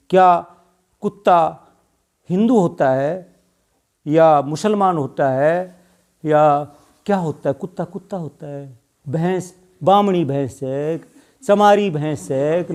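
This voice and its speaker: A man's voice: high-pitched, darkish tone. A man around sixty, giving a fiery, scolding public speech full of rhetorical questions at a Buddhist temple gathering. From Haryana, India. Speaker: retiring speaker at a Buddhist gathering.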